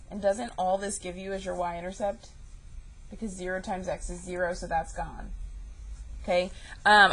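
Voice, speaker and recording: A woman's voice: medium pitch, bright, forceful tone, low-quality recording. A young woman teaching a math class, chatty and joking, calling her students y'all. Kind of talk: recorded classroom lesson.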